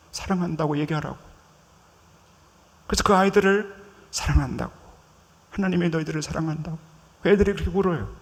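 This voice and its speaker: A male pastor preaching a sermon in a church, telling a story and speaking directly to his congregation. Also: fairly high pitch. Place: church sanctuary. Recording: reverberant church hall.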